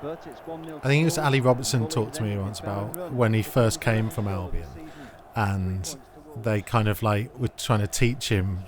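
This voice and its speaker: A man co-hosting a casual watch-along chat, relaxed and chuckling as he talks. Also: lowish voice, normal speed, a crowd in the background. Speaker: podcast co-host.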